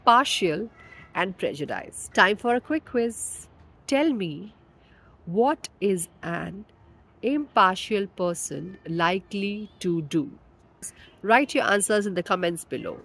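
Lady doing a word of the day lesson, super slow and careful, mixes hindi and english. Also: mid-range voice, a bit bright. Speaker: English teacher.

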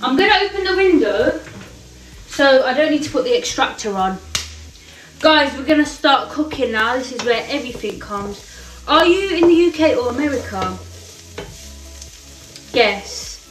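Her voice sits high with lively intonation, moving at a moderate pace broken by long pauses. This young British woman hosts a playful home cooking livestream, reading viewer comments and calling everyone darling; she's recorded from afar in a kitchen with roomy echo, faint music, and frying sizzle.

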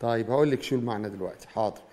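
A man's voice: mid-range voice, very fast, dark tone. A middle-aged man with an Egyptian accent, hosting a call-in show in a conversational, questioning way. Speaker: TV call-in host interpreting dreams. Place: TV studio.

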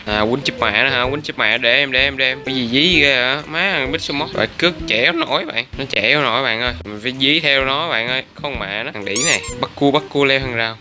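A young man giving excitable, profanity-laced commentary while playing a video game and chatting to viewers. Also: mid-range voice, fast talker, few pauses. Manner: excitable, swears a lot, talks to viewers. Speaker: gameplay YouTuber. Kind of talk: let's play commentary. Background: background music.

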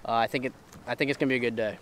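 A young man hosts a laid-back, rambling fishing vlog from an open boat on a lake, talking into an action camera held close to his face. His medium-pitched voice stays steady while he races along, and the audio is very noisy.

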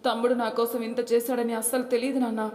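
A woman's voice: on the high side, level tone, fast talker, darkish tone, natural voice. A woman voicing a pregnant young daughter who pleads and reproaches her mother, in an echoey room. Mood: remorseful. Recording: echoey room, long reverb.

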